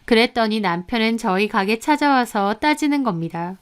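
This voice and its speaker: A woman calmly narrating a first-person story in a matter-of-fact way. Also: on the high side, normal speed, clear, resonant tone. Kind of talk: scripted narration of a reader's story.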